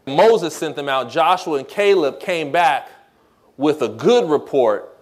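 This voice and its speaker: A man preaching a radio sermon, reading scripture slowly and asking the congregation questions. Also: fairly high pitch, lively intonation. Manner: repeats "guess what" and "you see", reads scripture slowly. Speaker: pastor.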